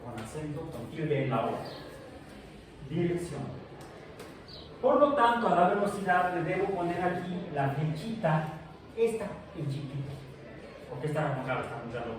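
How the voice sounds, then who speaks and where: A man's voice: a little high, big pitch swings, moderate pace, pauses often. A male science teacher giving a classroom physics lecture, explaining step by step with restarts and checks. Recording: echoey classroom from far off, noisy.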